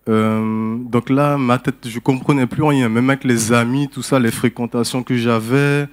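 A man's voice: medium pitch, fairly even intonation, measured pace. A man from Guiana, giving a candid, hesitant personal testimony at a church service. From French Guiana.

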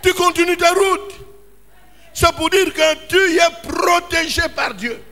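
Impassioned preacher, high bright voice. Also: male voice, slow. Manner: impassioned, calling out in emphatic bursts. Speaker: pastor. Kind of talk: sermon. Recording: reverberant hall with faint ambience.

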